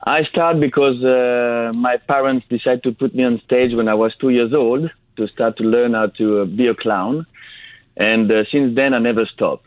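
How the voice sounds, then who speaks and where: A man answering as a performer guest in a radio interview, with halting, non-native English phrasing. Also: mid-range voice, steady tone, dry recording. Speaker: circus clown, guest. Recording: dry, phone-like band-limited sound.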